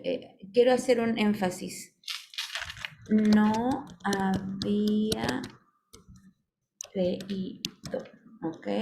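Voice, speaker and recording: Female teacher with a Mexican accent on a video call, patient, keeps checking in with the class, faint hiss behind. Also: medium pitch. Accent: Mexican Spanish. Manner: patient, checks in with "ok?" often, calls on students. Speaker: online course instructor. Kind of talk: live online class on spelling and punctuation.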